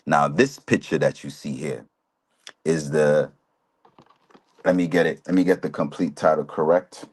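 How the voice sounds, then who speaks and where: A man's voice: rumbling low, steady tone, measured pace, darkish tone, slightly rough. A man in his forties earnestly explaining history on a live talk show, often checking in with "right?". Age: 40s. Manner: earnest, lecturing, asks listeners "right?" often. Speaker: guest speaker, chaplain.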